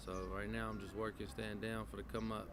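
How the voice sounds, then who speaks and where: A man's voice: fairly low pitch, monotone, a little fast, background noise. A man, a rapper talking casually in an interview, loose and slangy with many fillers and restarts. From San Francisco Bay Area. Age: 20s. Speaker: rapper guest.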